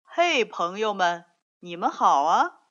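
A woman's voice: mid-range voice, sing-song, slow pace, a bit bright. A woman voicing a friendly, polite male lion in a storybook reading, speaking mildly and courteously. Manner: mild, courteous, puzzled. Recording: dull lo-fi recording.

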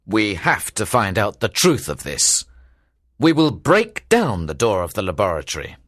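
A man's voice: huge pitch swings, fairly bright tone, no echo, studio quality, full character voice. A man voicing a serious, formal male lawyer in an audiobook reading. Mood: grave. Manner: measured, formal, with sweeping pitch. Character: serious middle-aged male lawyer, measured and grave. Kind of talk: audiobook character voice.

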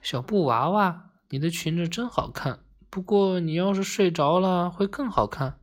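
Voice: mid-range voice, normal speed, natural voice. A narrator voicing a whispery green paint blob. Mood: coaxing. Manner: quiet, whispery, coaxing. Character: kind, patient green paint blob coaxing toys to sleep. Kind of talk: bedtime story reading.

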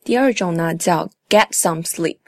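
A young woman with a slightly low voice teaches English in a casual podcast style, chatting easily and repeating phrases slowly. The recording is dry and close, with no room sound. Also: a little mellow, no echo.

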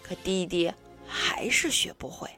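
A woman storyteller reading a children's storybook aloud in an expressive, deliberate manner. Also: lowish voice, over music.

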